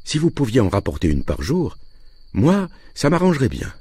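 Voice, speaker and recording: A man voicing an anxious, fussing mother of two boys in a high strained voice. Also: wildly swooping pitch, moderate pace, darkish tone, slightly rough, no room sound, full character voice. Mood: eager. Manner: anxious, pleading.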